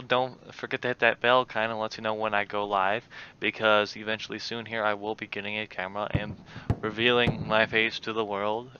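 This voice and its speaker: A man hosting his gaming channel, giving play-by-play commentary on a match with sudden bursts of excitement. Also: on the low side, lo-fi sound. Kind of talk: live gameplay commentary. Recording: game battle noise behind voice.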